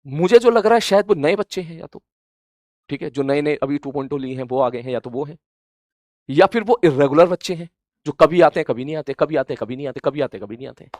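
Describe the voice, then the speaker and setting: A man teaching students in an earnest, gently scolding motivational talk, repeating points for emphasis and rising loud and high when he urges them on. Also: lively intonation, fast, no room sound, studio quality. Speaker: coaching teacher.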